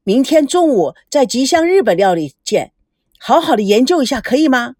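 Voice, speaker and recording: A stern, exasperated older brother, a businessman who snaps orders and then softens to coax, as a woman narrator voices him. The voice stays fairly high and lively. The sound is dry and close. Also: normal speed, no echo. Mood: brisk. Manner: scolding, then placating.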